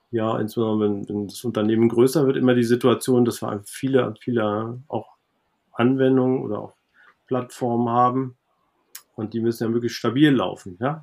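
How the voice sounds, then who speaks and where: A man appears as a podcast guest in a relaxed, conversational interview, thinking aloud with lots of fillers and restarts. His voice is mid-range and creaky.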